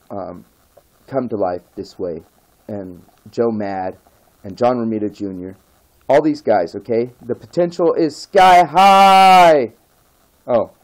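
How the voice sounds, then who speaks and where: The recording is rough, and the man's voice is a little mellow as he vents to camera about growing up in the nineties. Emphatic and repetitive, he begs again and again, his pitch going up each time.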